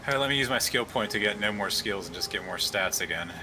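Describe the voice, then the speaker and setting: A man's voice: fairly low pitch, expressive, fast talker, noisy background. A man chatting casually and teasing his friends while playing a video game on a live stream. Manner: joking, teasing. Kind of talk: casual gaming chat.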